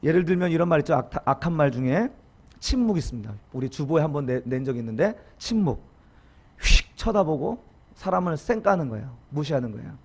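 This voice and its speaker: A middle-aged male pastor preaches with a high, lively voice that leaps up and drops low. He leads the congregation in call-and-response. His delivery is dramatic and animated throughout. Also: a little fast. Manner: acts out harsh example quotes in dramatic voices. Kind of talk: sermon.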